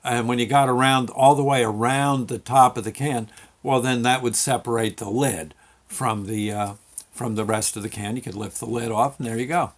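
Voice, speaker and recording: An older man telling a rambling childhood story as host, halting and full of fillers. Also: medium pitch, fairly even intonation. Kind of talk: casual anecdote storytelling.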